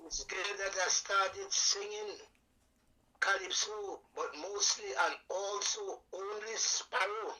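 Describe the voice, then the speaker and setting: Older Trinidadian man, bright lively storyteller. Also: high voice, takes it slowly, poor audio. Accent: Trinidad and Tobago. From Trinidad and Tobago. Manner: folksy and animated, sings out sound effects. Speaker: calypso singer guest. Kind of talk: storytelling interview.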